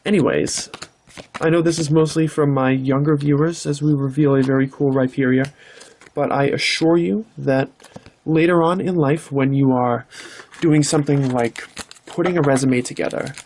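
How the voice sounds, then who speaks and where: A man hosting his channel, chatting casually off camera while opening trading card packs and breaking into excited exclamations. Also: mid-range voice, normal speed, slight background noise. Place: indoors, filming from behind the camera.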